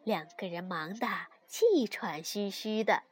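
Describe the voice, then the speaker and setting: A woman narrating a children's story gently and expressively, close to the mic. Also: mid-range voice, expressive, measured pace, breathy edge, faint music behind.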